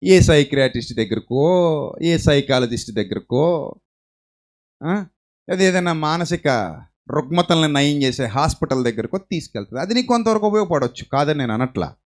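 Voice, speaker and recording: Preacher guy giving a sermon, fairly high voice, goes loud then drops to a hush, keeps asking the crowd questions. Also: expressive, moderate pace. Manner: dramatic swings between loud emphasis and hushed storytelling; mixes English phrases into his speech.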